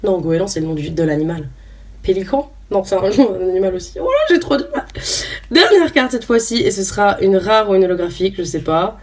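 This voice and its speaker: Speaking fairly quickly in a medium-pitched, darkish voice, a young woman opens trading cards for her YouTube channel and names each card aloud. The chat is casual, hesitant and filler-laden, recorded a bit far from the mic with faint noise.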